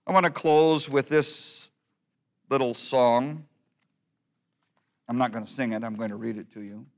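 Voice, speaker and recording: Guy pastor preaching, slow and kinda gravelly, talks right to the folks. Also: mid-range voice. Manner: reads a hymn poem aloud with rising emphasis. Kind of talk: sermon.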